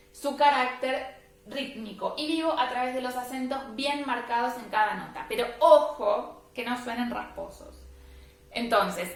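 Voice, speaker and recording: A woman's voice: on the high side, a bit bright. Patient woman teaching violin, echoey room. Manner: patient, explanatory, often checks in with "¿sí?". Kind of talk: step-by-step music lesson.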